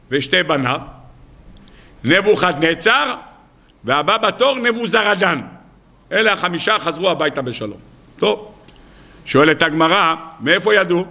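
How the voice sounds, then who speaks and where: A man's voice: high voice, vocal fry, bright, forceful tone. A man, a rabbi, giving a weekly Torah sermon in a storytelling way, with humorous asides.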